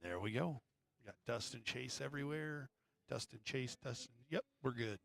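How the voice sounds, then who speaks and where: A man's voice: medium pitch, normal speed, creaky. A man hosting a live pool match stream, chatting casually with viewers between shots with joking asides. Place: pool hall.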